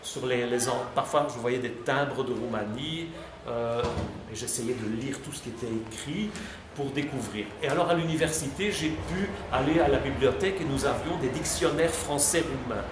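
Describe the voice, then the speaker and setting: In an echoey, noisy high school classroom, a visiting Belgian man chats freely with students at a moderate pace in a medium-pitched voice. He's talkative but hesitant, often restarting and using fillers.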